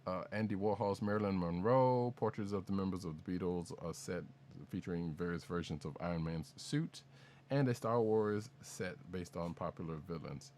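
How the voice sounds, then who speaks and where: A man's voice: low-pitched, moderate pace, a little mellow, slight background noise. A man co-hosting a podcast, chatting casually through news items with rambling restarts and jokes. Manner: rambling, self-correcting, jokey. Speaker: podcast co-host.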